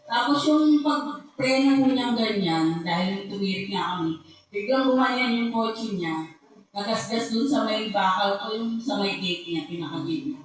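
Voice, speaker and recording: A woman telling a lively, laughing story as a church testimony, speaking politely. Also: mid-range voice, a little slow. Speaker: church member giving testimony. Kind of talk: testimony in worship service. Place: church hall. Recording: very echoey hall from far off.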